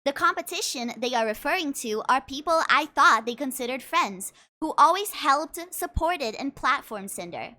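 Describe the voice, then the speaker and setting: A woman's voice: sits high, lively intonation, moderate pace, few pauses, pushed and bright. A woman making a commentary video in a casual, earnest way, her voice shaky with emotion and her words often repeated. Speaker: commentary YouTuber.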